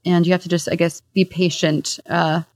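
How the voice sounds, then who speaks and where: Playful young woman, low and dry. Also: little pitch movement, darkish tone, no room sound. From United States. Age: young adult. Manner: playful, self-mocking, drawn-out vowels. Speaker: guest comedian. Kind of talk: casual podcast interview. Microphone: remote call.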